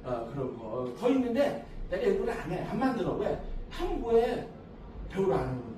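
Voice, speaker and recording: A man's voice: high voice, very animated, moderate pace, dark tone, a little hiss or hum. A middle-aged man chatting with his dance partner, bragging and teasing with frequent laughter. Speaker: social dance instructor. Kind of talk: casual chat with a dance partner. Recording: echoey distant room mic.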